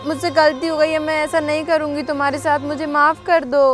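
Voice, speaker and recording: A woman playing a shrill, cruel stepmother. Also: level tone, brisk, close to an everyday voice. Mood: pleading. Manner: harsh scolding and threatening. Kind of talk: Hindi moral-story acting. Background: background music.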